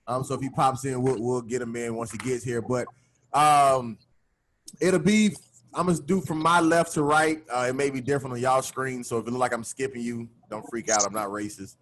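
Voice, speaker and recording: Brief: male podcast host, easygoing and slangy, mid-pitched voice, faint noise on a video call line. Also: fairly even intonation, a little fast, fairly bright tone. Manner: laid-back, slangy, lots of fillers. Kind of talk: casual chat.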